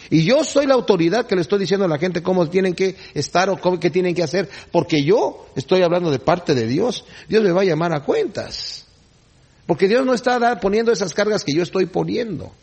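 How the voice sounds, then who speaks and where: Husky-voiced male pastor preaching. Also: high-pitched. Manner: expressive preaching with rhetorical asides. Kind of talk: sermon.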